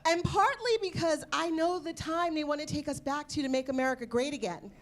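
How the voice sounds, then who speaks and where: High-pitched woman stand-up, wry punchy comic timing. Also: a little fast. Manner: wry, punchy delivery with laughs. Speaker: stand-up comedian. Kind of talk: stand-up comedy set. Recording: played clip of a stage show.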